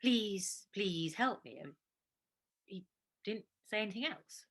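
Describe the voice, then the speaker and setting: A woman's voice: mid-range voice, expressive, slow pace. An actress playing an anxious woman with a London accent, cooking dinner for her partner and talking in a fretful, hesitant way in a naturalistic stage drama. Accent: London English. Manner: fretful, hesitant, restarts when nervous. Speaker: actor in a two-hander play.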